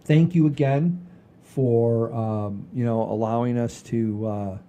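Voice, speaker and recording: A man co-hosting a comedy show chats casually and ramblingly to the audience, frequently repeating his phrases. His warm voice is steady and slow, with a low rumbling noise in the background.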